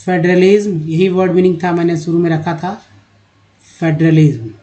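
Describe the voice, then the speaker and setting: A man, teaching in a slow lesson and reading word lists aloud syllable by syllable. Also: fairly high pitch, steady tone, mellow, low-quality recording. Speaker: English teacher.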